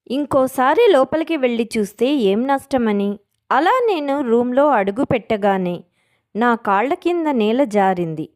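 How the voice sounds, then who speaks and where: Brief: woman storyteller, lively pitch, fairly high voice, suspenseful scripted narration. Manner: expressive, suspenseful.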